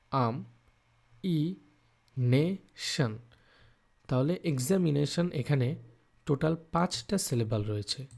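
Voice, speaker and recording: A man teaching an online lesson on poetry, patient and step by step, asking questions and answering them himself, and slowing down to sound out words syllable by syllable. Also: mid-range voice, darkish tone. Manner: patient, explains step by step, often asks then answers his own questions. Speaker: English teacher. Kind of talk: online lecture explaining poetry scansion. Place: recording for an online course.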